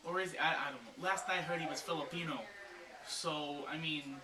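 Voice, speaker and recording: A young man, a video creator, rambles with plenty of "you know" while joking about his video partner in a mock interview. His voice is a little high and brisk with fairly even intonation, recorded in an echoey room with crowd noise.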